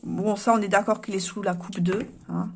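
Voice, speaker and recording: A woman's voice: mid-range voice, fairly even intonation, normal speed, vocal fry, a little hiss or hum. A woman giving a chatty, opinionated tarot reading to her viewers, thinking aloud as she goes. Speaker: tarot reader.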